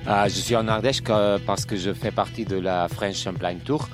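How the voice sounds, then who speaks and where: A very low-pitched man in his thirties speaks with a Portuguese accent, his first language showing as he halts to find his words. Music plays clearly in the background throughout. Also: fairly even intonation. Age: 30s. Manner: halting, searching for words in a second language. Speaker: slackline instructor and competitor. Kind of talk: interview answers. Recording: music playing behind the voice.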